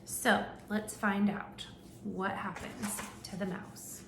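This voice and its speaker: A woman teacher reads a picture book to young children with animated storytelling, pausing to ask them questions. She has a mid-range voice and a slow pace, recorded in an echoey room with a faint hum.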